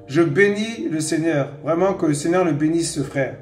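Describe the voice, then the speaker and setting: A man preaching an informal Bible teaching, exhorting his listeners, repeating phrases and filling pauses. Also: on the high side, a little mellow, reverberant, soft background music.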